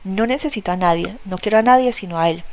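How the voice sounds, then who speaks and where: A woman's voice: medium pitch, fast talker, a little mellow, a little hiss or hum, lightly acted. A woman voicing an impassioned young woman in love who pleads insistently, read from a novel. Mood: pleading.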